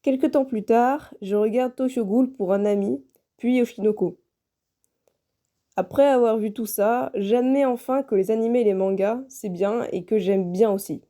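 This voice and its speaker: Young woman narrating, very soft dark tone. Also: on the high side, moderate pace. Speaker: video creator narrating. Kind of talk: personal scripted narration.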